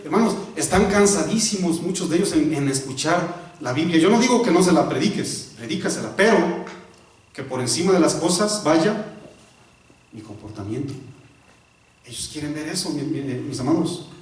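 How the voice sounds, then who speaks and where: A male pastor with a fairly high, expressive voice preaches at a moderate pace inside a church. The distant recording echoes strongly, and he leans on rhetorical questions, self-corrections, and repeated words for emphasis.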